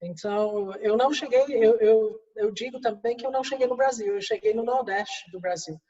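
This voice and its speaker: A middle-aged Englishwoman with an English accent answers interview questions as a guest executive, speaking a second language with many restarts and fillers. Her voice is a little high and mellow, at a moderate pace, and the recording sounds distant, roomy and dull.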